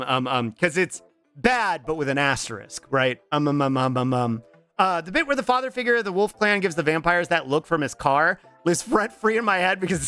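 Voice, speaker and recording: Reading out viewer messages in a casual chat, a game streamer in his thirties jokes and swears freely, padding pauses with long strings of drawn-out ums. His bright, animated voice sits somewhat high and swings widely in pitch, though allergies leave it strained and cracking.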